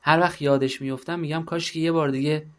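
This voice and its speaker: A man voicing a calm, reflective woman. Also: a little high, lightly acted. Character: calm grateful woman recalling a kind elder.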